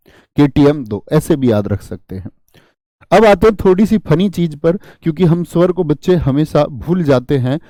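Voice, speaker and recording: Guy teaching class, keeps asking questions n repeating, mellow voice a bit high. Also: no echo. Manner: uses memory tricks and jokes. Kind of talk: classroom lesson.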